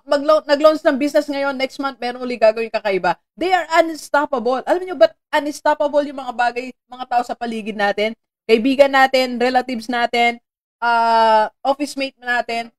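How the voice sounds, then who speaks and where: A Filipino woman hosting a live-streamed motivational talk, chatty and animated, laughing often and greeting viewers by name. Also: sits high. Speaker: motivational host.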